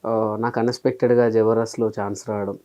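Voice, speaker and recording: With a lowish voice and a quick pace, this man from Telangana, India, recounts his life in a relaxed interview. A comedian and mimic by trade, he animatedly replays his own old remarks as quoted asides.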